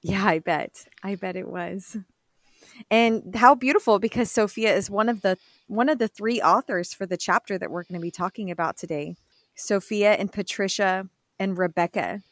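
A woman's voice: medium pitch, normal speed, no room sound, studio quality. A woman hosting a faith podcast, speaking in an enthusiastic, encouraging way as she introduces and interviews a guest. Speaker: podcast host.

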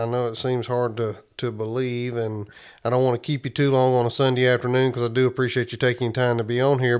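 A man's voice: mid-range voice, smooth. A man hosting a podcast, chatting casually in a folksy way. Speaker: podcast host. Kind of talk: casual interview chat.

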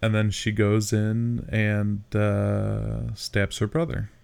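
A man's voice: on the low side, monotone, slow pace, gravelly, a little mellow, clean tone. A man casually chatting as a podcast co-host, recapping a film and poking fun at its dated details. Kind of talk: casual chat recapping a movie.

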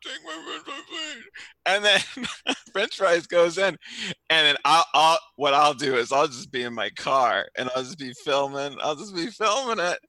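A man playing an excitable, sleazy male manager of cat videos, talking in gushing baby talk and giggles in an improvised comedy bit. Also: on the high side, a little slow, no echo, heavily acted. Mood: scheming. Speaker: guest. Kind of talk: improvised comedy role-play.

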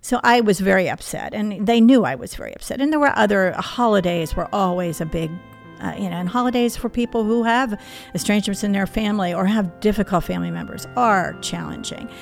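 A middle-aged woman, a therapist, telling a personal story in an interview in a reflective, halting way. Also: medium pitch, creaky, soft background music.

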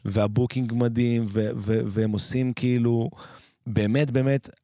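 A man's voice: medium pitch, fairly even intonation, warm tone, no echo, clean studio sound. Rambling male drummer guest. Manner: rambling, restarts his stories. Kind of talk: casual interview chat.

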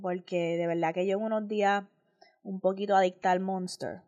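A woman with a Caribbean Spanish accent co-hosting a podcast, chatting casually and laughing while sick with a rough voice. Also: mid-range voice, fairly even intonation, moderate pace, darkish tone, dull audio. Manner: laughing, joking, mixes in English phrases. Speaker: podcast co-host. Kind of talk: casual chat.

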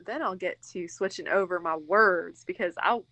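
A woman's voice: on the low side, normal speed, background noise. A woman chatting casually as a guest, reacting expressively with little interjections. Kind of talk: casual chat.

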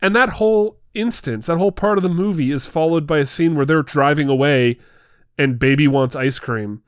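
A young adult man in a casual film chat, telling scenes with excitement and swearing freely. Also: a little high, normal speed, clear, resonant tone, no room sound, studio quality. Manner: enthusiastic storyteller who swears and acts out scenes.

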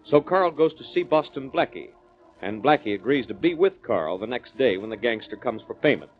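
A man announcing and recapping the story on an old radio show, in a measured delivery. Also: mid-range voice, sing-song. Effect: old radio show broadcast. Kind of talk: scripted recap narration. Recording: dull lo-fi old radio recording.

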